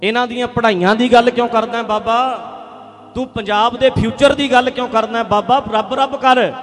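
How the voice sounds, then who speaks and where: A man voicing a scornful man who loudly scolds a preacher in a mocking, hectoring way. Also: very high-pitched, steady tone, moderate pace, long reverb tail, soft background music.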